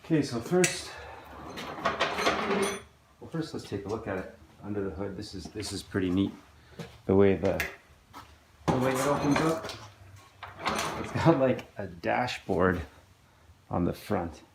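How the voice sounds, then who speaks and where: A man's voice: on the low side, lively intonation, unhurried, creaky, long pauses, noisy background. A man casually narrating his work on an old outboard engine in a home workshop, with lots of hesitant restarts and fillers. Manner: rambling, hesitant, full of restarts and ums.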